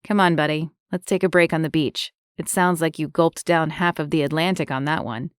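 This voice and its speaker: A woman's voice: low voice, fairly even intonation, fairly quick, clear, resonant tone, no echo, clean studio sound, close to an everyday voice. A woman narrator voicing a charming, playful young man who jokes through an injury, in a light teasing manner. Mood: easygoing.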